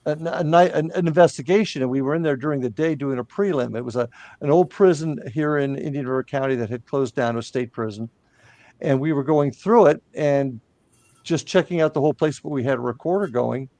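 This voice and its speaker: A man leading a paranormal investigation team, telling stories in casual podcast talk, animated and often stumbling over his words. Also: medium pitch, a little fast, no echo.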